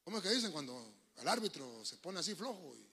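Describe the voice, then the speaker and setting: A middle-aged man with a Honduran Spanish accent, preaching a lively sermon, telling jokes and stories and acting out voices. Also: on the high side, a little fast, a little hiss or hum. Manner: joking, storytelling preacher, acts out voices. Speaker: pastor.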